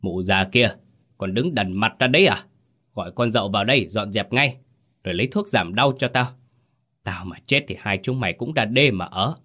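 A man's voice: fairly low pitch, moderate pace, sharp tone. A man voicing an old, bossy landlord who screams and curses his wife. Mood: furious. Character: old male bullying landlord in agony.

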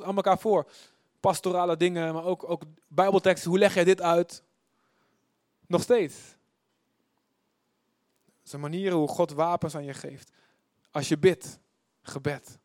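Emphatic preacher man, loud then hushed. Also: fairly high pitch, dry recording, clean studio sound. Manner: emphatic, swings from loud bursts to hushed, drawn-out phrases; repeats words for emphasis. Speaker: pastor. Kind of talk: sermon.

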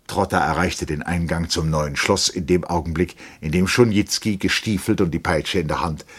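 A man reading a novel aloud for radio in a measured, dramatic way. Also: deep voice, steady tone, breathy edge. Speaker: narrator.

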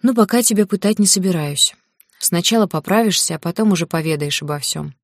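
A woman voicing a kindly, stern male elder who speaks softly and fatherly in an audiobook. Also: fairly low pitch, a little fast, dry recording, clean studio sound. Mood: gently stern.

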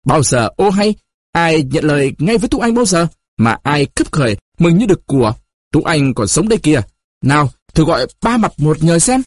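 Storybook read-aloud: a male narrator playing a scorned young village woman, shrill and accusing. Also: big pitch swings, normal speed, no echo, clean studio sound. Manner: shrill, scolding, pressed high.

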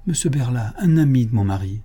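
Man doing a breathless society lady, raised pitch, insistent, husky, dark tone, audiobook voice. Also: expressive, a little fast. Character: excitable well-to-do woman, robbed traveler. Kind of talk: audiobook character voice.

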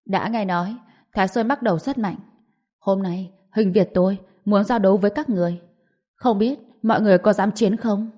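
A woman's voice: mid-range voice, moderate pace, dark tone, lightly acted. A woman reading the lines of a cold, ruthless male martial-arts villain in a storybook. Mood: cold taunting. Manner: cold, taunting.

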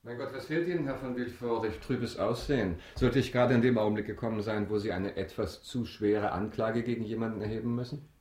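An actor in a German radio drama playing a suave, courteous count with polished, measured, formal speech, quietly in control. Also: male voice, fairly low pitch, close to an everyday voice. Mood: feigned concern.

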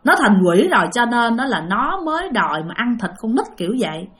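A woman's voice: fairly high pitch, sing-song, brisk, a bit bright. A woman with a Southern Vietnamese accent voicing a worried village elder who warns the neighbors earnestly. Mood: alarmed. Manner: earnest, alarmed.

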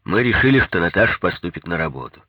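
Deep raspy guy reading a story, lively wry delivery, dry close sound. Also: quick pace, no room sound. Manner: wry, conversational. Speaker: narrator. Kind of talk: first-person story reading.

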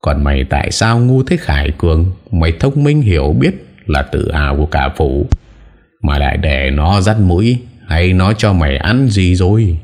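A man's voice: sits low, expressive, moderate pace, darkish tone. A male narrator voicing a furious, tyrannical old lord who roars and scolds with contempt. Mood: scornful scolding. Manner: roaring, harsh and contemptuous.

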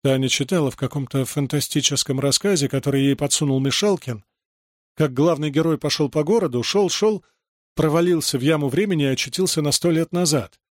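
A man narrating a story aloud in an even storytelling way, acting out the dialogue. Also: on the high side, brisk, dry recording, studio quality. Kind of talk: audiobook reading.

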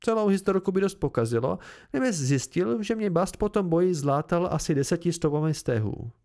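A man's voice: high voice, lively intonation, darkish tone, pitched above the performer's own voice. A man voicing a battered, weary innkeeper with a dry, wry wit, in an amateur audiobook reading. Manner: wry, pained, tired.

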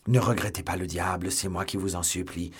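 A man's voice: low voice, fairly even intonation, fairly quick, breathy edge. A man voicing a fretful, pious male village priest who laments and pleads.

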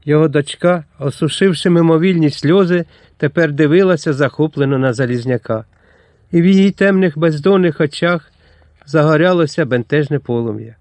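Чоловік розповідає художній текст рівно й виразно. Голос трохи вищий за звичайний чоловічий, а запис сухий і близький, без відлуння. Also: male voice, a little high, a little fast, a little mellow, dry recording. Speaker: audiobook narrator. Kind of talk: scripted narration.

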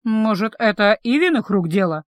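A woman voicing a sharp-tongued, contrary female gargoyle who speaks briskly and emphatically. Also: medium pitch, lively intonation, no room sound, studio quality, lightly acted.

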